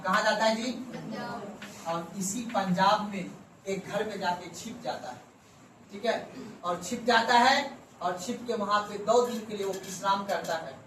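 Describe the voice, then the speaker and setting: A man's voice: very high-pitched, fairly bright tone. A male history teacher giving a classroom lecture, who keeps asking the class questions, answers them himself and repeats key words for emphasis. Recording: echoey room from far off with faint background hum.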